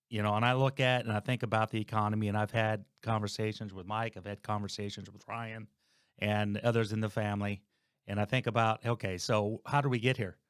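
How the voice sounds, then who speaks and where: Late-50s male podcast guest, low-pitched, meandering and dry-sounding. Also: clear, resonant tone, no echo. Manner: rambling, restarts, thinking aloud. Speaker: guest, host's father. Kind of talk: casual podcast chat.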